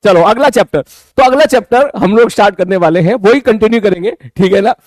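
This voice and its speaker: A young man teaching a physics class, his voice pitched high for a man. He is chatty and joking, calls his students brother, and keeps repeating key phrases and answering his own questions. The sound is dry and close. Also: fairly quick, darkish tone, no echo. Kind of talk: casual online class lecture.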